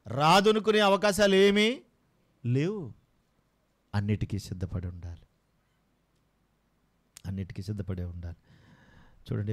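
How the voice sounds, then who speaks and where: A man preaching a sermon with passion, firing rhetorical questions at his congregation. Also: on the low side.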